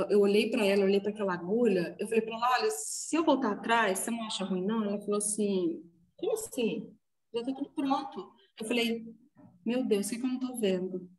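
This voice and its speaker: A woman telling an emotional personal story to a group, animated and acting out what she said back then. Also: medium pitch, distant mic, low-quality recording. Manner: animated storytelling, acting out her own past words. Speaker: group participant sharing a story.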